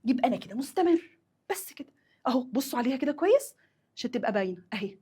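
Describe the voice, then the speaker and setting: A high-pitched woman with an Egyptian Arabic accent teaches a grammar lesson. Her husky voice leaps around in pitch as she acts out little scenes. She drills each rule by chanting it again and again. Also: very fast. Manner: animated, acts out scenes with sudden high exclamations; repeats rules in drilled chant. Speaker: English teacher.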